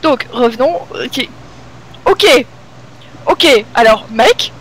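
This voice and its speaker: A woman from Reunion Island streaming late at night, chatting casually, reading lines aloud and slipping into halting English. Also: high-pitched, expressive, breathy edge, low-quality recording. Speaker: Twitch streamer.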